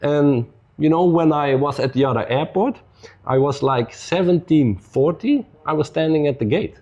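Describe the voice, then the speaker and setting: A man telling stories as a podcast guest in loose, non-native English with many "you know"s, relaxed and upbeat. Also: on the high side, normal speed, lo-fi sound. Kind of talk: casual storytelling conversation.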